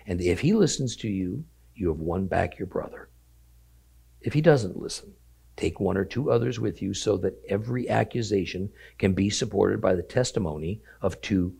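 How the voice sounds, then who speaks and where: A man teaching a weekly Bible lesson, reading scripture aloud and slowing down to stress key phrases. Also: lowish voice, vocal fry, mellow, breathy edge.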